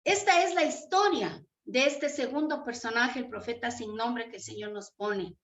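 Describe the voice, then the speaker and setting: High-voiced woman preaching in an echoey room. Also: moderate pace. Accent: Ecuadorian Spanish. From Ecuador. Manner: animated, asks the audience questions, tags "¿cierto?". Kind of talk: sermon. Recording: echoey room, dull lo-fi sound.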